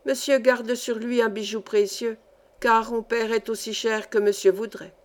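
A woman's voice: on the high side, fairly even intonation, normal speed, lightly acted. A woman reading aloud, voicing a greedy, fawning old male peddler with a coaxing sing-song manner.

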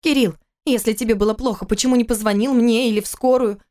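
A woman doing a sharp-tongued scolding wife. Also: on the high side, fairly even intonation, fast talker, voice pushed up, natural voice. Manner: scolding, sarcastic, urgent.

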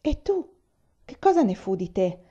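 A woman reading the part of an earnest grown revolutionary man in an audiobook, brisk and plain. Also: mid-range voice, very animated, mellow, husky, muffled recording.

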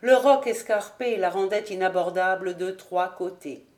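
A woman narrating an audiobook in a measured, even reading voice. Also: mid-range voice. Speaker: audiobook reader.

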